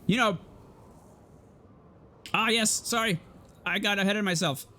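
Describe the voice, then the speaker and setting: A man hosting and casting a live esports tournament, excitable and chatty, thinking aloud as he goes. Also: high-pitched, unhurried, slight background noise. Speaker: tournament caster and host.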